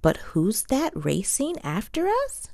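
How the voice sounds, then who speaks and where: Slow, creaky-voiced woman reading a picture book. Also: fairly high pitch, no echo, clean studio sound. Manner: expressive, playful sound words. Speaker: storybook reader. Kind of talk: read-aloud picture book for young children.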